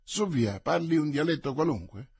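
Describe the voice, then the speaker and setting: Man voicing a commanding young musketeer, lively swooping delivery, husky dry storybook read. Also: fairly high pitch, moderate pace, no echo, exaggerated voice. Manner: energetic, emphatic exclamations. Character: bold young male musketeer, impatient and commanding.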